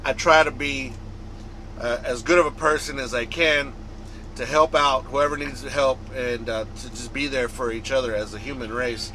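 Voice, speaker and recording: The American trucker vlogger's mid-range voice is bright and forceful, with fairly even intonation and a moderate pace. He rambles casually to viewers, repeating and coming back to points, on a rough recording.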